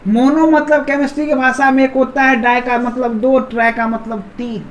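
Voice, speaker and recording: A woman's voice: high-pitched, little pitch movement, normal speed, dull audio, slight background noise. A woman teaching an English grammar lesson who repeats key words and keeps asking her viewers questions. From India. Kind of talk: explaining a lesson.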